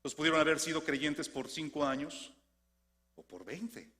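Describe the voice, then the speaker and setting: A man with a Mexican Spanish accent preaching a sermon, swinging from lively questions to soft, low emphasis. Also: measured pace. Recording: long hall reverb.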